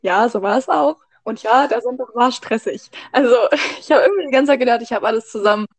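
A chatty woman in her twenties talks as a podcast guest. Her voice sits a little high. It sounds dry and close to the mic. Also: a little fast, no room sound. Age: 20s. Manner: chatty, cheerful storytelling. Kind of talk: casual podcast chat.

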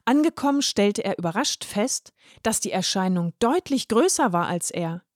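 A woman reading a humorous short story aloud in an expressive, playful narration. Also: mid-range voice, normal speed, dry recording, studio quality.

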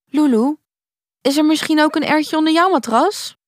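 A woman's voice: high-pitched, moderate pace, dry recording, studio quality, voice pushed up, lightly acted. Woman doing an eager little sleepover girl. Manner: eager, curious.

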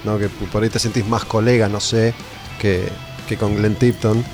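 A man's voice: lowish voice, little pitch movement, moderate pace, over music. A man with a Rioplatense Spanish accent interviewing a musician in a casual, chatty and blunt way, often ending with tag questions.

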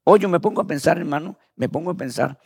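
A man's voice: a little high, fast, vocal fry, darkish tone, slightly rough, no echo. A man preaching as a pastor, telling his story in a conversational way and often calling his listeners brother. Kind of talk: testimony sermon.

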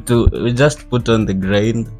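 Brief: male Kenyan panelist, young adult, medium pitch, halting casual code-switched talk over guitar music. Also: a little mellow.

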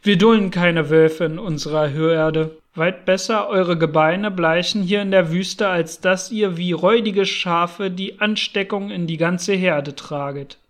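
A man voicing a stern, solemn male leader of pilgrims in his thirties, speaking in forceful proclamations. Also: high-pitched, expressive, measured pace. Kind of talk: audiobook character voice.

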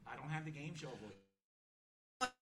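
A man's voice: fairly high pitch, lively intonation, slow, creaky, crowd noise. A man hosting a podcast, chatting loosely and laughing through sponsor reads. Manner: loose, laughing, rambling delivery. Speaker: podcast host.

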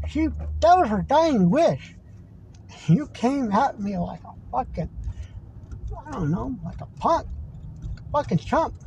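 A man's voice: high-pitched, warm tone, slight background noise. A man giving an impassioned, profane monologue as a podcaster, ranting heatedly. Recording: dull lo-fi recording.

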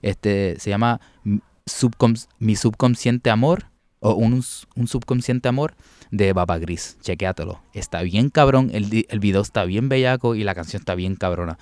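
A man's voice: fairly low pitch, normal speed, darkish tone, dry recording. A man with a Puerto Rican Spanish accent, co-hosting a casual podcast chat, slangy and enthusiastic, with English phrases mixed in. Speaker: podcast co-host.

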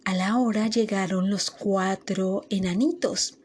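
A woman telling a fairy tale aloud, slowly and gently, with small slips. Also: medium pitch, fairly even intonation, husky. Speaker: storyteller.

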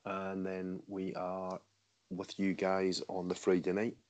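A man with a Scottish accent, chatting casually as a podcast guest in a relaxed, measured way. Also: deep voice. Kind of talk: casual chat.

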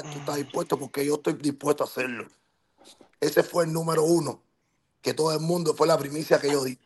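Fired-up Cuban man, high voice. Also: breathy edge. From Cuba. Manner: passionate and emphatic, keeps asking "you understand?"; insistent, interrupts to hold the floor. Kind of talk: heated podcast talk.

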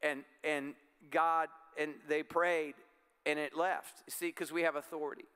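A middle-aged male pastor delivering an emphatic, exhorting sermon. His voice sits high for a man, bright and crisp, and it rings with the long reverb of a church hall. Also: level tone, a little slow. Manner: emphatic, exhorting with repeated calls.

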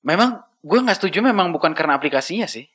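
A man's voice: fairly high pitch, animated, very fast, fairly bright tone. A young man in casual chat, teasing and laughing as a podcast co-host. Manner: laughing, teasing, slangy Jakarta banter.

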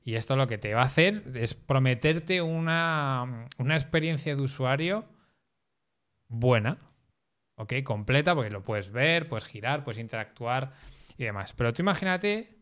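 A man's voice: mid-range voice, expressive, unhurried, fairly bright tone. A man with an accent from Spain chatting on a podcast, explaining opinions colloquially and repeating words as they go. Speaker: podcast panelist. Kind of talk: casual chat.

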